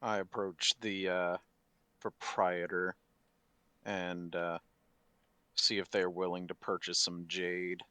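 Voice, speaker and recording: A man playing a tabletop game, speaking in a measured, slightly formal way for his character. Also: sits low, level tone, sharp tone, smooth, dry recording. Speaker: player. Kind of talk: casual tabletop role-play.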